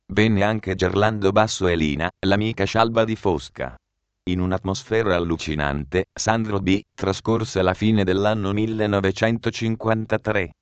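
A man reading a novel aloud in a steady, measured way, lightly voicing the characters. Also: on the low side, smooth, no room sound. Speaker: narrator.

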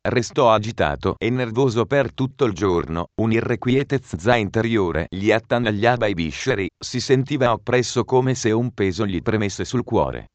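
A man reading a novel aloud in measured, even narration. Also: on the low side, no echo. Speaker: audiobook narrator. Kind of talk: scripted narration. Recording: dry, muffled recording.

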